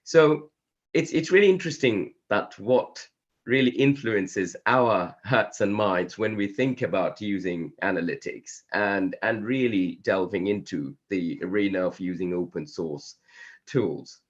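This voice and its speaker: A man with a cold and a croaky voice, presenting a conference talk over a video call in a measured, hesitant way. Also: fairly low pitch. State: hoarse from a cold. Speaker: conference speaker. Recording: dull lo-fi video call audio.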